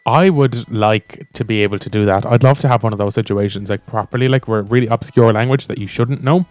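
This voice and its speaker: A man's voice: on the low side, fairly quick, darkish tone, no room sound, faint music behind. A man co-hosting a casual chat, rambling and full of fillers as he retells and reads stories. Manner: rambling, filler-heavy with lots of "like". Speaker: co-host reading stories.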